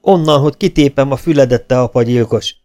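A man's voice: medium pitch, a little mellow, faint music behind, close to an everyday voice. A man reading an audiobook, voicing a brash, cheerful male legion captain who lectures his comrades bluntly. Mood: frank.

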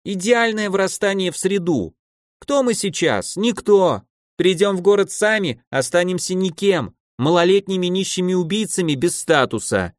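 Brief: male narrator plays a gleeful, bellowing old archmage with the temper of a child, pitched high, dry studio storybook read. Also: animated, moderate pace, no room sound. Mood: menacing, scolding.

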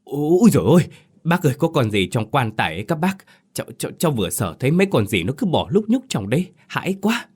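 A man's voice: sing-song, quick pace, darkish tone, breathy edge. A man voicing a terrified village man who stammers in panic, in a spoken horror story. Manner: stammering, shrill with fright.

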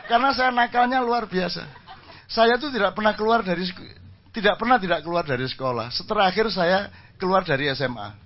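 A man's voice: high-pitched, a little fast. An older man telling humorous stories to an audience, laughing often and slipping into phrases. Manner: jokey, animated, laughs often, mixes in Javanese phrases. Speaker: speaker addressing an audience. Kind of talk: storytelling talk with humor. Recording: dull lo-fi recording.

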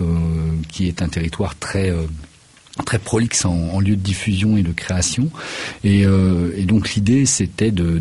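Man, very low voice, husky, hesitant with many fillers, radio studio interview. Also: dark tone. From Paris region, France. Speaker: choreographer and festival director.

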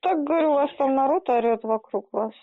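A woman's voice: high-pitched, fairly quick, no room sound. A woman arguing over the phone in a colloquial, mocking and defiant way. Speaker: person receiving debt collection calls. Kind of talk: argumentative phone conversation. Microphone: telephone. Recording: muffled narrowband phone line.

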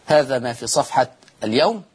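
A middle-aged Egyptian man teaching Quran recitation rules in a televised lesson. He asks questions, answers them himself, and stretches out the recited words slowly. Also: mid-range voice, lively intonation, breathy edge. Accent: Egyptian Arabic.

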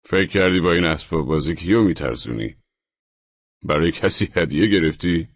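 A man's voice: sits low, big-room sound, highs cut off. A man doing a wheezing, taunting driver. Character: laughing taunting male driver.

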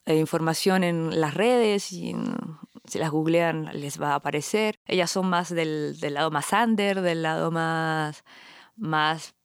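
A woman from Chile, a guest on an interview podcast, talking thoughtfully with frequent pauses and tag questions. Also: low-pitched, smooth, no echo, clean studio sound. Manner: thoughtful, pauses often and tags phrases with questions. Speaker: guest artist and researcher.

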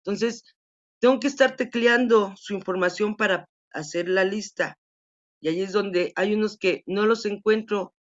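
A woman teacher patiently explaining class rules to students during an online class, repeating points to make them clear. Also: medium pitch. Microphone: video call. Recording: dull lo-fi video call audio.

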